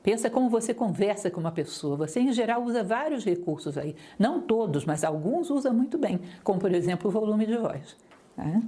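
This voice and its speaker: A woman lecturer teaching public speaking, talking straight to her listeners with lively, varied intonation. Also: medium pitch. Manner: didactic, lively intonation, addresses listeners directly.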